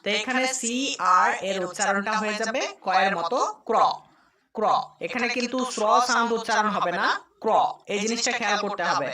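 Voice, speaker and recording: A woman teaching an English phonics lesson, speaking slowly and patiently and repeating each sound. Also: medium pitch, bright, forceful tone. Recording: echoey room, a bit far from the mic.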